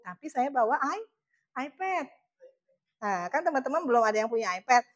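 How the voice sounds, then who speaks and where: A woman's voice: a little high, highs cut off. A woman giving a casual, emphatic motivational training talk and laughing often. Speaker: motivational trainer for charity fundraisers.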